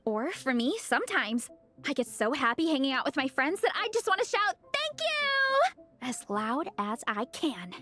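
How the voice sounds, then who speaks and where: Eager young club captain. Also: female voice, high voice, big pitch swings, moderate pace, pushed and bright, soft background music, exaggerated voice. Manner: enthusiastic, earnest. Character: eager young woman leading a fan club. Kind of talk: game dialogue.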